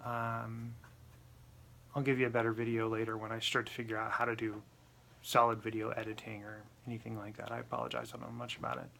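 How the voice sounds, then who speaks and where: A man's voice: medium pitch, completely flat delivery, quick pace, creaky, pushed and bright, slight background noise. A man with a lisp talking casually to the camera in a personal vlog, apologetic and self-deprecating. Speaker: vlogger.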